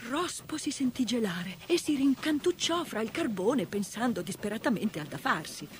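A woman storyteller narrating a storybook in an expressive, lively way. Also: on the high side, moderate pace, slight background noise. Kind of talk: storybook reading.

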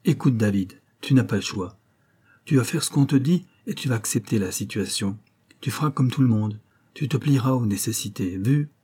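A man voicing a gentle but firm wife and foster mother in an audiobook, pitched a little higher. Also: normal speed, slightly rough, natural voice. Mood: tender firm.

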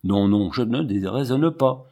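A man's voice: medium pitch, expressive, a little slow, dark tone. A man reading the part of a haunted lion tamer who talks with hissing, obsessive insistence. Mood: haunted, agitated. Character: haunted, half-mad male lion tamer, feverish.

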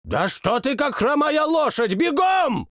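A bratty young monarch with a shrill, whiny voice that leaps all over the place, performed by a man. He sulks, bosses and shouts at everyone around him. The audiobook sound is close and dry. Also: big pitch swings, normal speed, dry recording. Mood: furious. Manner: shouts orders and sulks capriciously. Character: petulant, boastful young male king, childish tyrant. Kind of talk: audiobook character voice.

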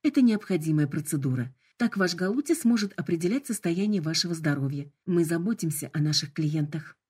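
A woman's voice: on the low side, lively intonation, brisk, a little mellow, husky. A woman voicing a sickly sweet, politely formal female hologram assistant.

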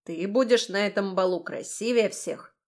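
A woman's voice: medium pitch, moderate pace, lightly acted. A woman voicing a cheeky, playful male chinchilla-like familiar in an audiobook, teasing and snorting with laughter. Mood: fussing. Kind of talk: audiobook character voice.

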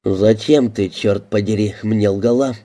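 A suspicious male police detective presses with blunt, interrogating questions, as a man reads him aloud. The voice is low and dark, with a mellow tone. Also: fairly even intonation, measured pace.

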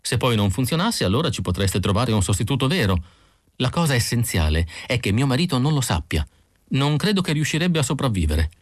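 A man's voice: medium pitch, sing-song, brisk, no room sound, studio quality, pitched above the performer's own voice. A man voicing a grieving middle-aged housewife, tearful and pleading, in an audiobook reading. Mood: anxious. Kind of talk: audiobook character voice.

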